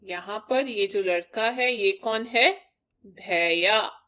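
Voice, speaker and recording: Slow, patient woman teacher. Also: medium pitch, bright, forceful tone. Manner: slow, sounding out letters one by one for children. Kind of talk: slow primary-school lesson.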